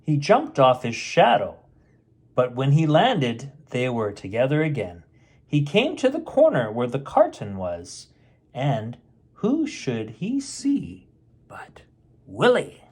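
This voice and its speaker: A middle-aged man, host of a bedtime story show, reads a picture book aloud as a storyteller and drops in playful, chatty asides for the kids. His medium-pitched voice swoops wildly, and he takes it slowly with a slightly mellow, husky sound.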